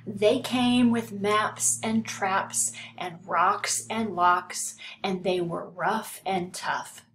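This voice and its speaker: An older woman reading a children's story aloud with measured, deliberate phrasing. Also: medium pitch, steady tone, a bit bright. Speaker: storybook reader. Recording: roomy home recording, some hiss.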